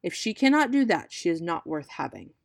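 Haughty troll stepmother from a fairy tale, read by a woman; gravelly, dry sound. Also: fairly low pitch, very animated, brisk, no room sound, exaggerated voice. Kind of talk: storybook read-aloud.

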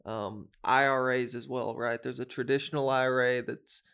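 A man's voice: medium pitch, fairly even intonation, moderate pace, gravelly, fairly bright tone, clear, resonant tone. A man giving unscripted explanations as a financial podcast panelist.

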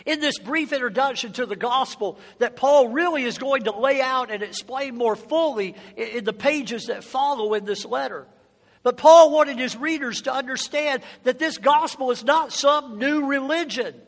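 A man's voice: extremely high pitch, normal speed, a bit bright. A man preaching a sermon to a congregation in a passionate, emphatic, exhorting way, with rhetorical questions and repetition. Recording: echoey hall with long reverb.

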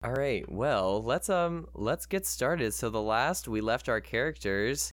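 A man's voice: medium pitch, lively intonation, a little slow, dry recording, studio quality. A man hosting a tabletop game as game master, bantering playfully and introducing the players.

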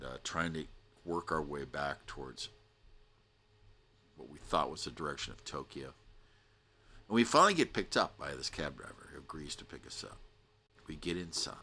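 Middle-aged American man, very low voice with a bright edge, animated rambling podcast storyteller. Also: breathy edge. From United States. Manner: rambling and animated, with many restarts and laughs. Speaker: podcast host telling a personal story. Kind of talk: casual storytelling monologue.

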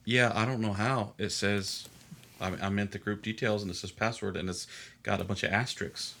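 A man's voice: lowish voice, fairly even intonation, normal speed, bright, forceful tone. A man co-hosting a casual podcast, chatting and teasing his guests. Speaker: podcast co-host. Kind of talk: casual chat. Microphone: podcast microphone.

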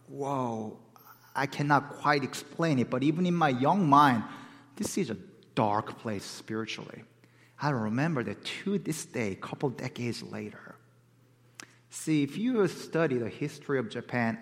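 A man from South Korea preaching as a guest speaker, in a conversational way that keeps asking his listeners questions. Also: medium pitch. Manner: conversational, asks the audience questions. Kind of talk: sermon. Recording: long hall reverb.

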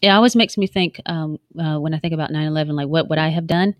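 A woman's voice: deep voice, quick pace, no echo. A woman in her thirties co-hosting a casual talk show, playful and teasing. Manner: playful, teasing, laughing often. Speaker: show co-host.

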